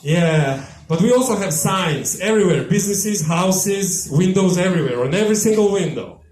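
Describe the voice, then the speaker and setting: A man with a Yugoslav accent works a live stand-up set in a small tavern, his voice sitting fairly high for a man. He delivers dry, deadpan one-liners into a handheld mic. The room around him is echoey and bouncy. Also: normal speed. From former Yugoslavia. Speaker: stand-up comedian.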